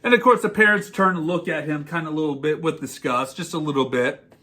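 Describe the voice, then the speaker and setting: A man's voice: fairly high pitch, fairly quick, pushed and bright. A man hosting a podcast, giving a sarcastic, exasperated movie rant. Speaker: podcast host. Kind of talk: ranting movie commentary.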